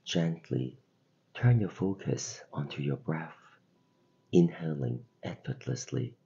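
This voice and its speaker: This meditation guide and podcast host has a very deep, husky voice and takes his time. He offers calm, gentle instructions separated by pauses, though the audio comes across as somewhat dull.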